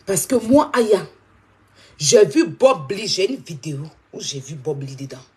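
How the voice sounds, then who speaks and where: A woman's voice: lowish voice, expressive, unhurried, dark tone, breathy edge. A woman hosting a live stream, talking straight to her viewers and repeating her points insistently.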